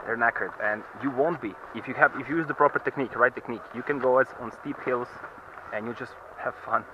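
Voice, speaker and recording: A man's voice: mid-range voice, quick pace. A man working as a ski instructor, explaining technique outdoors. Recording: muffled outdoor recording with background noise.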